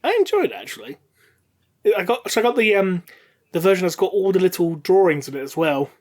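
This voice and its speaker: Higher-voiced, sweary podcast guy. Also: lively intonation, a little fast, darkish tone. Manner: enthusiastic, sweary, talks in long run-on explanations. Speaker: podcast panelist. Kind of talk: casual chat.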